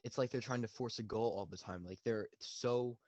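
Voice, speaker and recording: A man's voice: mid-range voice, normal speed, darkish tone, dry recording. Rambling young man on a lo-fi mic. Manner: rambling, many fillers and restarts. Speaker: podcast co-host. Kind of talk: casual sports analysis. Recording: dull lo-fi dry sound.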